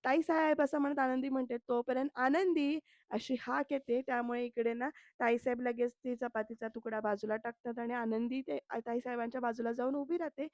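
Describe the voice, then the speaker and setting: High-voiced woman recapping a TV episode. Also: flat delivery, a little fast, hardly any pauses, darkish tone, dry recording, lo-fi sound. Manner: addresses the viewers directly, storytelling. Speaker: TV serial reviewer.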